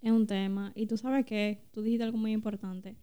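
A woman's voice: mid-range voice, level tone, moderate pace, dark tone, clean tone. A woman talking earnestly and animatedly about faith as a podcast co-host, often calling her listeners "señores". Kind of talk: casual faith talk.

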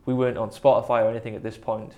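Racing along with little pitch movement, a dark, medium-pitched man's voice carries a Welsh Valleys accent. The speaker, a musician and producer in a band from the South Wales Valleys, tells his story in a rambling, self-deprecating way during a casual interview.

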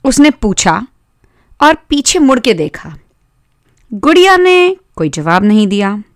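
A woman telling a children's story in a gentle, measured narration. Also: mid-range voice, very animated, no echo, studio quality. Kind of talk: scripted narration.

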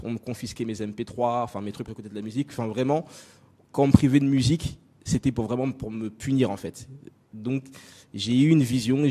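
Man, young adult, from France, mellow tone, stage talk, audience addressed, hesitant fillers. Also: mid-range voice. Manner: personal, addresses audience directly, many fillers. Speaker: invited speaker.

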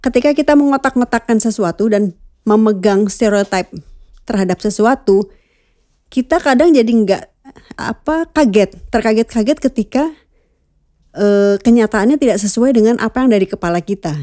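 A woman's voice: on the high side, moderate pace, dark tone, no room sound, clean studio sound. A middle-aged woman chatting casually about the cats she keeps, musing aloud and dropping in English words. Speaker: cat owner vlogger. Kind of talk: casual chat.

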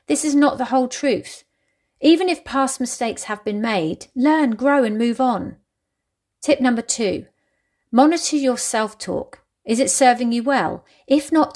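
Female mindset coach, slightly high voice, scripted self-help advice delivered in an encouraging, neatly organised manner.

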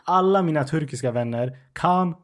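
Co-hosting a laid-back podcast chat, this twenty-something from the Stockholm suburbs tells stories about himself in a voice on the high side. His suburban Stockholm Swedish accent comes through as he pokes fun at himself with lively energy.

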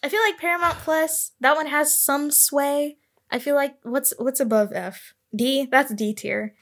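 A woman co-hosting a casual podcast, with a voice that sits a bit high. She rambles through her opinions, stops to correct herself, and admits she is going purely on vibes. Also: fairly even intonation, unhurried, fairly bright tone. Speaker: podcast co-host. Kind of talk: casual chat.

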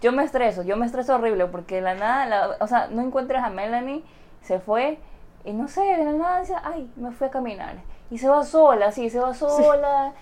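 A woman's voice: a little high, moderate pace. A young woman in casual chat, telling a story and acting out what people said. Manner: animated storyteller who acts out quotes.

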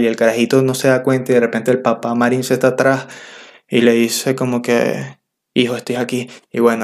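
A young man from Venezuela with a Venezuelan accent, talking to the camera in a casual, slangy, self-mocking comic monologue. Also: medium pitch. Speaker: vlogger.

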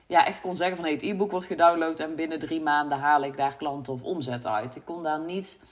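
A woman's voice: low voice, fairly even intonation, a little fast. A woman from Brabant with a Brabant Dutch accent, hosting a podcast and talking candidly and reflectively, with many fillers. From Brabant, Netherlands. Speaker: podcast host, business coach. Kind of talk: casual solo podcast monologue.

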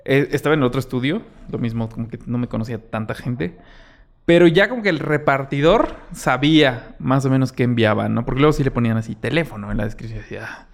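Man, mexican accent, podcast host, casual, animated, acts out dialogue. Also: medium pitch, fast, gravelly. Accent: Mexican Spanish. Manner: animated, acts out quoted exchanges, many fillers. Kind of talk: casual storytelling monologue.

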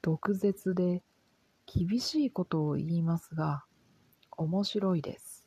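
Slow, soft-spoken woman teacher. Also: fairly low pitch, husky, dry recording, poor audio. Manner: calm, gentle, carefully paced reading. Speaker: Japanese language teacher. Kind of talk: slow, clear lesson reading for learners.

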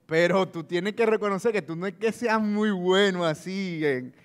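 A man's voice: high-pitched, normal speed, clean tone, lightly acted. A man playing a lecturing worried wife. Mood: reproachful. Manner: lecturing, reproachful. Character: worried wife scolding husband about savings.

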